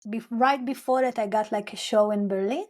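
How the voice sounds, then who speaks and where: A young adult singer from Israel-Palestine, a Hebrew speaker using English, tells her story in an interview, rambling with many fillers and restarts and acting out her own past words. Her voice is fairly high with a darkish tone at a moderate pace.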